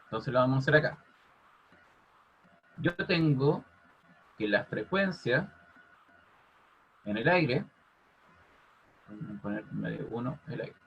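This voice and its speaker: A man teaching a physics class over a video call, constantly checking in with his students by asking if it's clear. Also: medium pitch, animated, slow, pauses often. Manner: checks in with "ok?" after nearly every phrase. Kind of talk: online class explanation. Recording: muffled lo-fi audio.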